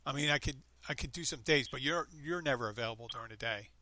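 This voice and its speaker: A man's voice: medium pitch, quick pace, bright, forceful tone, no room sound. A man in his fifties hosting a podcast, chatting casually and rambling with frequent restarts. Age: 50s. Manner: rambling, upbeat, self-interrupting. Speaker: podcast host. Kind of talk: casual chat.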